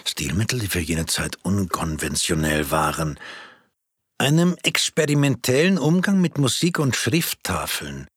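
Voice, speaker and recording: A man reading his own story aloud in a playful, expressive way. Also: low voice, measured pace, husky, no room sound, studio quality. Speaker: narrator.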